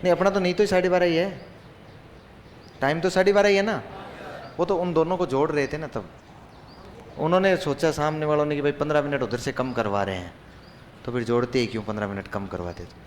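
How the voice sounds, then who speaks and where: Guy teaching a class, slightly high voice, dictates slow and repeats, jokes with the students. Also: steady tone.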